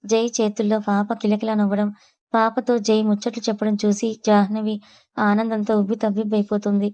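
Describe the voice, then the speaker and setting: A woman narrating an audio story with a steady, even reading. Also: medium pitch, fairly quick, muffled recording.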